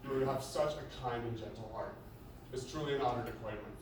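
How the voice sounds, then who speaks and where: A young man giving a humorous best man speech, joking and pausing between short phrases. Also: medium pitch. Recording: echoey venue, distant mic, noisy background.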